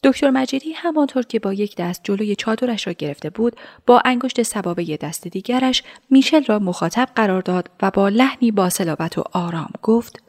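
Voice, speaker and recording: A woman narrating a story in a measured voice, dropping to a hush at times. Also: mid-range voice, expressive.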